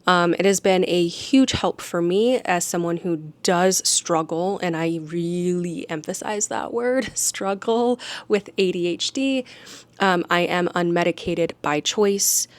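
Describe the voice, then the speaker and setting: A young woman talks casually to camera at home, rambling and self-deprecating and often laughing. Her voice sits a bit low. The sound is dry, with little room echo. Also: unhurried. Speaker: audiobook narrator and vlogger. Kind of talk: casual vlog chat.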